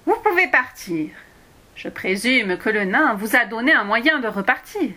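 A woman's voice: a little high, animated, a little slow, sharp tone, voice pushed up, exaggerated voice. A woman voicing a stern, commanding old woman who rules over goblins, in a read-aloud storybook.

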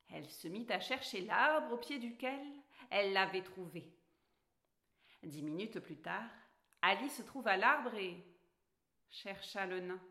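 A woman narrating a fairy tale aloud, taking her time over every phrase. Her voice is bright and clear, and the pace is unhurried and careful. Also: mid-range voice. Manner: slow, careful read-aloud delivery. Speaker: storyteller.

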